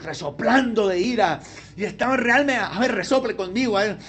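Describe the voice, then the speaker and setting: Pastor, very high voice, keeps asking the church questions. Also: male voice, brisk, a bit bright, a little hiss or hum. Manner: conversational, asks the congregation questions. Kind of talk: sermon.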